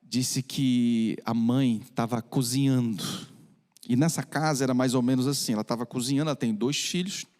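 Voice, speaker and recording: A male pastor, preaching a sermon with stories and sinking into a low, hushed tone. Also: fairly even intonation, normal speed. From Minas Gerais, Brazil. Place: church hall. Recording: reverberant church hall.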